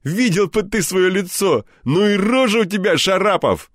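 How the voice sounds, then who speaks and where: A playful young friend teases and mocks in a raised, bouncy voice, as a man puts him on. His pitch leaps around lively. The recording is dry and close. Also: moderate pace, no echo. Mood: teasing. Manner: playful, mocking, laughing. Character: joking, teasing young male friend. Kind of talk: audiobook reading.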